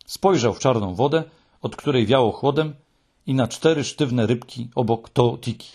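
A man reading a children's story aloud in an expressive, measured way. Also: medium pitch, husky. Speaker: audiobook narrator.

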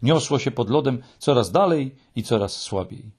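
Husky-voiced male storybook reader. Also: medium pitch, animated, moderate pace, a little mellow. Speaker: audiobook narrator. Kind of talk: storybook reading.

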